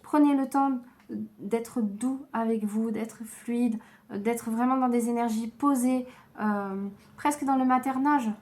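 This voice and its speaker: A woman giving a slow, gentle tarot reading to viewers, tired and low on energy, with frequent hesitations. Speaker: tarot card reader.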